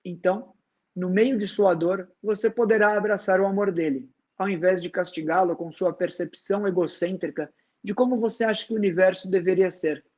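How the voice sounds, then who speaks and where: A wise, serene woman, read by a man with a high voice in a dramatized book reading. She speaks softly and slowly but never gives ground. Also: steady tone. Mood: gentle, firm. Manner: soft, slow and firm. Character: calm wise woman, gentle and insistent.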